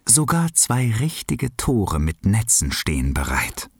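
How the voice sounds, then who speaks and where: A man reading a children's story aloud in an expressive, unhurried way. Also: breathy edge, no echo, studio quality. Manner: expressive, unhurried, lively pitch.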